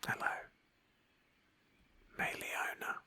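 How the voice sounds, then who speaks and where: A woman hosts a roleplay game playthrough, narrating it in a slow, breathy, hushed ASMR whisper with a thoughtful feel. There is no echo.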